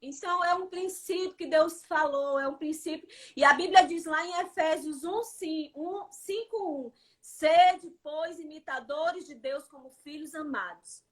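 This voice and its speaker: A woman's voice: high voice, unhurried, few pauses. A woman preaching fervently in a prayer livestream, calling her listeners "dear". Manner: fervent, addresses listeners as "querido".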